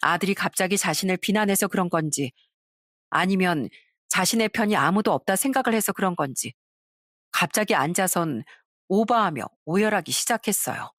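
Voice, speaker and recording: A woman's voice: fairly low pitch, animated, moderate pace, a bit bright, no echo, studio quality. A woman narrating a story in a conversational, recounting manner.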